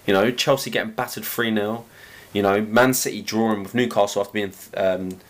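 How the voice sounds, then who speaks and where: A very low-pitched man with a croaky, worn-out voice talks football casually. He rambles and stops to restart his sentences. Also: steady tone. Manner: rambling, halting, lots of fillers. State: croaky, tired voice. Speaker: podcast host.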